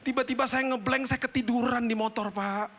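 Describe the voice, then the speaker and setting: A man's voice: high-pitched, flat delivery, fast talker, a bit bright, pitched above the performer's own voice. A preacher putting on the voice of a tired, crying young male courier who keeps apologizing and calling him sir. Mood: tearful pleading. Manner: pleading, repeating "Pak".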